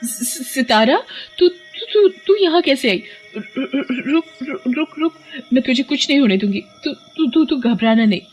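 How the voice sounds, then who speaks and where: A woman's voice: a little slow, soft background music, close to an everyday voice, poor audio. A woman voicing a scheming, greedy middle-aged aunt in a cartoon, with theatrical, stammering wails. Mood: panicked stammering. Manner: shrill, theatrical fake wailing.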